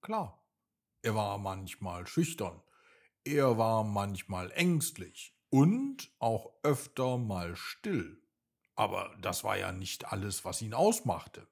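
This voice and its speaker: A man narrating a children's bedtime story in a slow, gently expressive reading style. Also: fairly low pitch, vocal fry, slightly rough.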